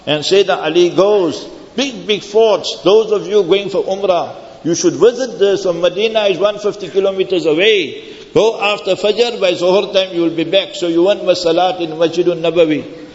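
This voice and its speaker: A man's voice: sits high, moderate pace. A man preaching informally, telling stories conversationally and addressing his listeners directly. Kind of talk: informal sermon with storytelling. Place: large echoing hall, speaking to a gathering. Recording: muffled, reverberant large hall.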